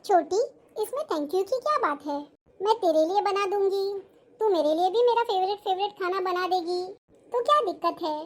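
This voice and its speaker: High pitched elder sister-in-law played by a woman, patient but fussy, mutters to herself, family drama. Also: lively intonation, normal speed. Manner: fussing, complaining to herself. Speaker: actor.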